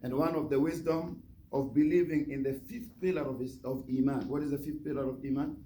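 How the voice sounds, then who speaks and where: A man's voice: medium pitch, steady tone, brisk, warm tone. A man giving a religious lecture as an imam, teaching by repeating phrases and putting questions to his listeners. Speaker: imam, guest speaker. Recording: noticeable background noise.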